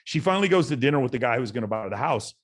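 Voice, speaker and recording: A man's voice: medium pitch, lively intonation, racing. A man talking as a guest on a podcast, telling stories in a blunt, emphatic and profane way. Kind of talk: casual podcast chat.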